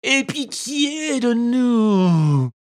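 A reader voicing an old scheming male fox who begs in a whiny, drawn-out voice. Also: medium pitch, sing-song, voice pushed up. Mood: whining.

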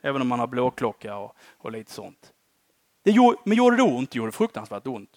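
A man preaching a sermon in a conversational way, often tagging his phrases with a questioning "va?" and swinging between loud emphasis and quiet endings. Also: medium pitch, very animated, no room sound.

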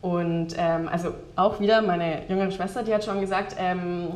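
A woman's voice: on the low side, steady tone, moderate pace, darkish tone, echoey room. A woman guest in a casual interview, rambling with many fillers and frequent laughs. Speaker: guest, game developer.

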